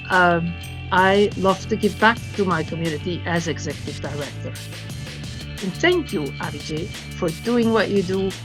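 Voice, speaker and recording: A woman from Belgium, a nonprofit executive director, chatting as a guest in a warm, encouraging way. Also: medium pitch. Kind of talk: casual interview.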